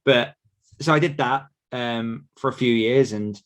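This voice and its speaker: A British podcast guest and author tells casual personal anecdotes in an interview, chatty, self-effacing and often thinking out loud. His voice is medium in pitch and a touch bright, and he keeps a measured pace.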